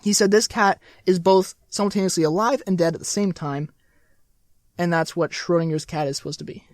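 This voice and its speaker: A woman's voice: on the low side, steady tone, brisk, a little mellow, no room sound, studio quality. A young woman co-hosting a podcast, telling a rambling, playful story in casual chat. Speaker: podcast co-host.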